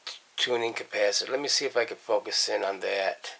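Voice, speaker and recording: In a sharp, lowish voice with vocal fry, a man briskly narrates his restoration vlog from the workshop. He restores vintage radios and keeps his talk casual and down-to-earth. There's faint noise in the background.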